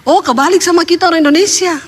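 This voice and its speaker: High-voiced woman preaching in a hall. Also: fast talker, a little hiss or hum. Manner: chatty and humorous, laughing at her own jokes. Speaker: pastor. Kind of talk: storytelling sermon. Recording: long hall reverb.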